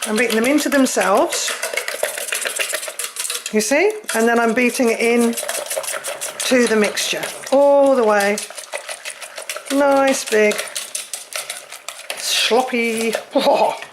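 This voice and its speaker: Chatty woman with a higher voice. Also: slow, long pauses, background noise. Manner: chatty, rambling, jokey asides. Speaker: home cook. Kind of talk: cooking demonstration. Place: home kitchen. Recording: echoey kitchen with clattering dishes.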